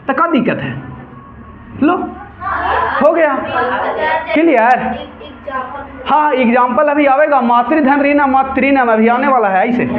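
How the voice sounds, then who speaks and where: A man with a Bihari Hindi accent teaching a grammar lesson to a classroom, constantly asking questions and repeating the key sounds for students to answer. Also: very high voice. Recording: echoey room, tinny phone-like sound.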